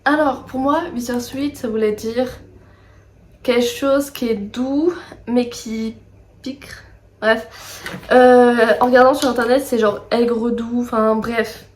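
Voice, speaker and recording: A woman's voice: a little high, fairly even intonation, slow pace, a little mellow, slight background noise. Chatty young woman unboxing books. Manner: chatty, rambling, many fillers and asides. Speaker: book vlogger. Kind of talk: casual unboxing vlog.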